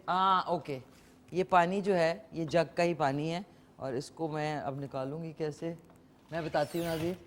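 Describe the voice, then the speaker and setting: A woman hosting a live morning TV show, chatting casually as she cooks and talks to viewers and callers. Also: lowish voice. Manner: chatty, code-switching with English words, talks to viewers and callers. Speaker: morning show host cooking on air. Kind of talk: casual live cooking demonstration.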